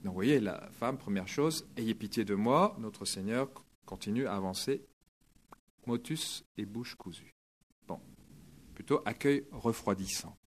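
A male preacher giving a sermon, retelling a scripture story in a lively, dramatic way. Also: fairly low pitch, a little slow.

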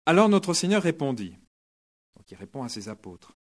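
A male preacher giving a sermon, retelling a scripture story in a lively, dramatic way. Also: a little high, normal speed.

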